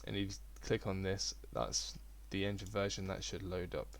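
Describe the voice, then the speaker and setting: A young man giving a relaxed, rambling software tutorial at his computer. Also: deep voice, moderate pace, slight background noise. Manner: relaxed, rambling, self-deprecating. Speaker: game development tutor. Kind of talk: casual screen-recorded tutorial.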